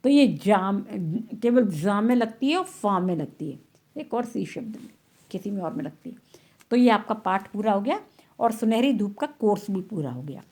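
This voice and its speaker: A woman's voice: mid-range voice, animated, moderate pace, a little mellow. A woman teacher giving an online class, patiently repeating words and checking that pupils follow.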